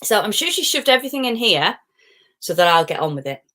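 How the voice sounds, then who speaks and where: A woman's voice: medium pitch, sing-song, quick pace, sharp tone. A middle-aged woman, hosting a live stream as a positivity coach, chatty and digressive with frequent laughs. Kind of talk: casual live-stream talk.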